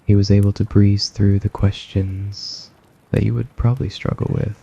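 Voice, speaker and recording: With a husky edge and plenty of vocal fry, a man softly reads a scripted ASMR story at a moderate pace. His low voice stays fairly flat in pitch, and the sound quality is somewhat dull and lo-fi.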